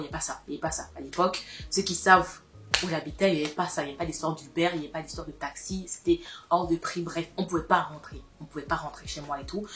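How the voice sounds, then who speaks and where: A young woman vlogger telling a personal story to her viewers in a casual, emphatic way, often repeating herself for effect. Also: low-pitched.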